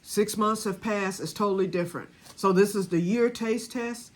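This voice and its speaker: A woman in her sixties who makes vanilla at home chats casually to camera about her homemade batch in a medium-pitched voice at normal speed. She rambles and addresses her viewers directly.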